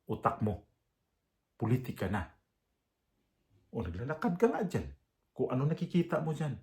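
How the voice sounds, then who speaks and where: A man from the Visayas talks through a reaction video in his heavy Visayan accent. He is blunt and proud, circling back with fillers and restarts, at an everyday middle pitch. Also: darkish tone. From Visayas, Philippines. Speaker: reaction vlogger. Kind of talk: casual commentary.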